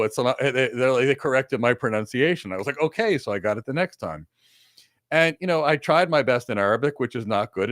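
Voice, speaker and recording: The voice is a man's, medium in pitch and fairly bright, with studio-quality audio and no room sound. As co-host of a live career Q&A, he speaks through a desk webcam on a video call from a home office full of monitors, handing out earnest advice in brief, repeated instructions.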